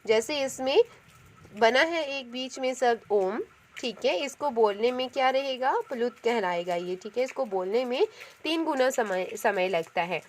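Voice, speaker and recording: A woman's voice: fairly high pitch, animated, a little slow, a little hiss or hum. A woman teacher patiently explaining a grammar lesson, repeating each point and checking in often. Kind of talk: Hindi grammar lesson with notes.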